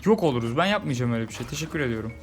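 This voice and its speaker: With music underneath, a man with a medium-pitched, animated voice races through casual let's-play commentary. This gaming YouTuber jokes and grumbles about his gameplay, frustratedly repeating his complaints.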